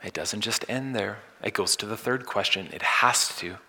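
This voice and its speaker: A man preaching a sermon as pastor, swinging from loud emphatic lines to soft hushed ones. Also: lowish voice, moderate pace, husky. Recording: long hall reverb.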